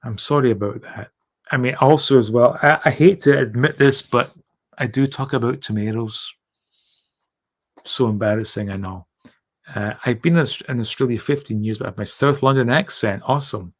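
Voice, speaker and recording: A middle-aged Scottish man with a medium-pitched voice hosts a relaxed livestream, reading out and answering comments at normal speed. He's candid and informal, self-deprecating and swearing freely as he chats with viewers.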